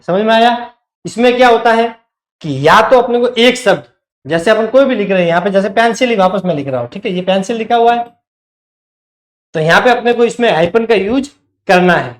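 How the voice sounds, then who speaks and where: High-voiced man teaching in an echoey room. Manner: explains step by step, checks with the class. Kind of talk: online classroom lecture.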